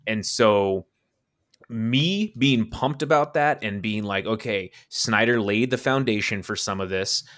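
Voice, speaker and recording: A low-pitched man talking loosely on a podcast about films he disliked. He rants, swears freely and breaks into incredulous laughs when something strikes him as absurd. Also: unhurried, a bit bright. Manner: ranting, profane, laughs incredulously. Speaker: podcast co-host. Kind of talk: casual movie chat.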